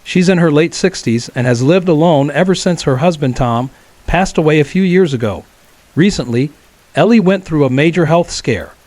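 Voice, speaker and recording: A man telling a true horror story as scripted narration, in a calm, measured way. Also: fairly high pitch, no echo.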